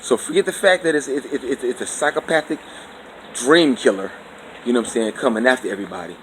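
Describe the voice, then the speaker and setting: A man's voice: mid-range voice, quick pace, a bit bright, a little hiss or hum. A man giving a preachy, conversational opinion monologue, constantly checking in with his listener. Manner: preachy and conversational, keeps asking "you know what I'm saying". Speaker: vlogger.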